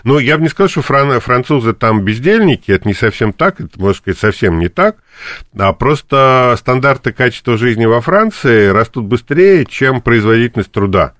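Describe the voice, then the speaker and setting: A man, an expert guest on a radio talk show, explaining at length in a measured way with many fillers. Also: mid-range voice, lively intonation, a bit bright, dry recording, studio quality. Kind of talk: radio discussion. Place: radio studio.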